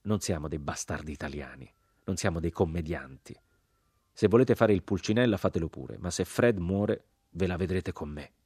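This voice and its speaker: Male reader doing hostile army sergeant: raised, contemptuous, low voice. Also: normal speed, a little mellow, breathy edge, dry recording, clean studio sound. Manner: scornful, raised and pushy. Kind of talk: audiobook character reading.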